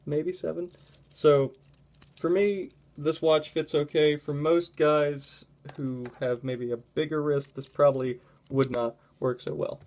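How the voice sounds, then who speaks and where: A young man chats through a watch review at home, in a loose, rambling way that keeps breaking off and circling back. His voice sits a bit high for a man, with a dark, mellow tone. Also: takes it slowly. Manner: relaxed, rambling, self-interrupting. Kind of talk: casual product review vlog.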